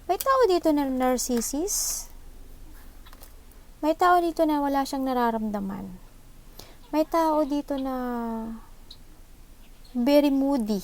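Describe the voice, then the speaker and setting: A woman's voice: high-pitched, darkish tone. A woman with a Filipino accent doing a live tarot reading, thinking aloud into her microphone, mixing English into Tagalog and often seeking agreement. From Philippines. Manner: thinks aloud, mixes English into Tagalog, asks for agreement with short tag questions. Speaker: tarot reader. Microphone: own microphone.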